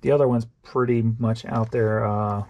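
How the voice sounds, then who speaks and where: In a casual show-and-tell vlog, an online reseller sorts through tapes for resale, thinking aloud with rambling, offhand remarks. His mid-range voice is gravelly and darkish, with a steady tone and moderate pace.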